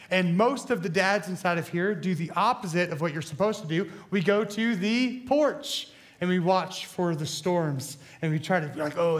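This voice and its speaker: Speaking to a church crowd in a church hall, this young student pastor gives a loose, jokey sermon. Bronchitis has left his voice hoarse and scratchy, pitched high for a man yet fairly bright in tone, and he wanders off track with plenty of self-mockery, filler words, and false starts.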